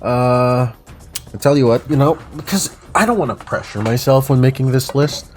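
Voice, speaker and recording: A man's voice: medium pitch, moderate pace, faint music behind. A man who is sick, casually rambling through an unscripted ranking of game icons with many fillers, recorded at home on a desk mic while wearing headphones. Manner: rambling, casual, offhand verdicts with frequent fillers. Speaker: gaming video creator ranking icons. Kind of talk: unscripted tier-list commentary.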